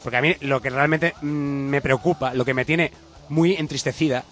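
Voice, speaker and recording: A man's voice: medium pitch, steady tone, moderate pace, fairly bright tone, faint music behind. A man co-hosting a comedy show, gossipy, campy and theatrical. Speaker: co-host. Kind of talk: comedic radio banter.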